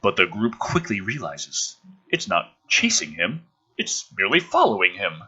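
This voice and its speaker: A gaming channel host reads a film script dramatically and mocks it, breaking into ranting commentary. His raspy, somewhat low voice is animated, sharp and exasperated, with sarcastic, foul-mouthed outbursts at a normal speed, and the recording quality is poor.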